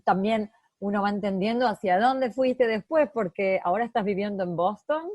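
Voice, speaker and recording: A woman co-hosts a podcast, speaking in a reflective way and using voseo verb forms. Her voice sits at a middle pitch, and the recording is dry and close. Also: moderate pace, darkish tone, dry recording. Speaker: podcast co-host. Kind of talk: casual interview conversation.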